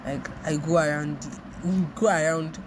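On her solo podcast, a young Nigerian woman with a Nigerian accent rambles reflectively in a casual monologue, often repeating herself. Her voice is deep and steady, her pace measured, and the background is noisy.

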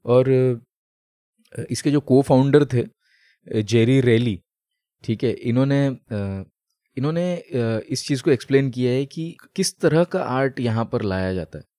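A man's voice: mid-range voice, lively intonation, slow pace, dark tone, dry recording, studio quality. A man co-hosting a casual podcast, explaining at length with many fillers and English phrases mixed in. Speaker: podcast co-host. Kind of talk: casual chat.

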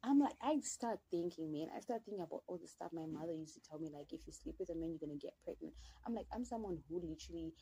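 A woman's voice: sits low, expressive, fast, gravelly, hardly any pauses, warm tone, breathy edge, low-quality recording. A young woman from Zimbabwe hosting a podcast, telling a personal story in a candid, chatty way and speaking straight to her listeners. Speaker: podcast host. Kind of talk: casual storytelling.

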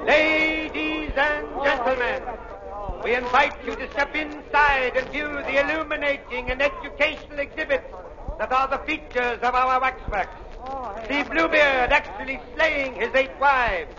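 A man's voice: very high-pitched, lo-fi sound. Carnival barker, showman's patter, old radio play with a crowd behind. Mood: hawking. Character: brash male carnival barker at a waxworks. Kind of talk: 1930s radio drama.

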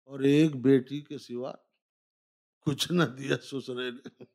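A man performing humorous verse as a poet at a live recital, declaiming couplets in measured phrases and repeating lines between spoken asides. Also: mid-range voice, steady tone, darkish tone. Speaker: humorous Urdu poet performing at a poetry gathering.

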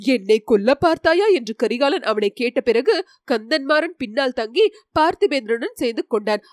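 A woman reading a story aloud as an audiobook narrator, with even, clear storytelling. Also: sits high, dry recording, clean studio sound.

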